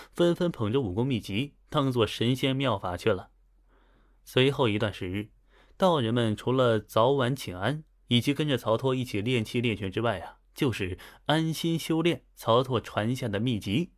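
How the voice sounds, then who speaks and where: A man narrating a novel as an audiobook, with chatty, lively asides. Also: mid-range voice, moderate pace. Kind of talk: audiobook storytelling.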